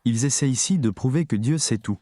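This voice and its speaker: A man's voice: medium pitch, a little fast, warm tone, no room sound. A man preaching a sermon, talking emphatically and straight to his audience. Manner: emphatic, addresses the audience directly.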